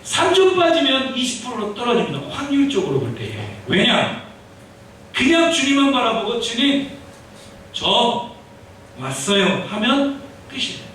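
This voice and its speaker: A male pastor giving an animated sermon, acting out dialogues and leading the congregation in repeating phrases. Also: very high voice, normal speed, slight background noise. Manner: animated, acts out dialogues with the Lord, calls for repeat-after-me. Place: church sanctuary. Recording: echoey church hall from far off.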